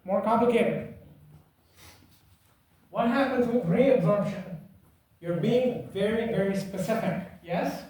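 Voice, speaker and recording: A man's voice: high voice, slow pace, long pauses, a little mellow. A man lecturing a class in an emphatic, teasing way, repeating key points and checking that students follow. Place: lecture room. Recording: echoey room from far off.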